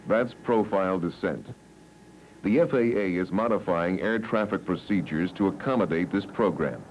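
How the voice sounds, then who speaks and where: A deep-voiced American man reads scripted narration for a 1970s training film in a measured, instructional way. The old soundtrack is poor, with some hiss or hum.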